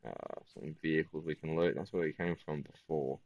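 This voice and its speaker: A tired man giving casual gameplay commentary in a flat, musing way. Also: very deep voice, normal speed, no room sound. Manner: self-described monotone, relaxed and musing.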